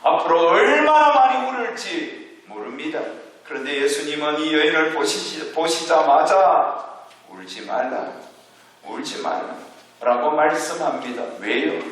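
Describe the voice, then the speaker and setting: A male pastor preaching a sermon, putting rhetorical questions to the congregation with slow, deliberate phrasing. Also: a little high. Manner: slow, deliberate delivery with soft drops and rising emphasis. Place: church sanctuary. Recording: very echoey church hall, mic far off.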